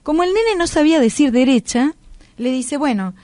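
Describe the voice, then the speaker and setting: A middle-aged woman with a Rioplatense accent, hosting a radio talk show and retelling a story with lively acted-out quotes. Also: high-pitched, normal speed, dry recording. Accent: Rioplatense Spanish. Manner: animated storyteller who acts out quoted voices.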